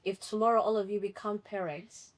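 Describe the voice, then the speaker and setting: A woman's voice: medium pitch, steady tone, a little fast. A woman telling a personal story on a panel in an earnest way, quoting the people involved as she goes. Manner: earnest, storytelling, quotes others. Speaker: former trades student.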